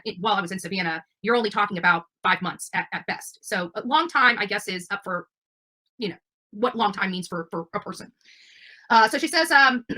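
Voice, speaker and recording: This woman's voice is on the high side, pushed and bright. As a livestream channel host, she gives her audience a casual monologue. It rambles and comes out emphatic and defensive.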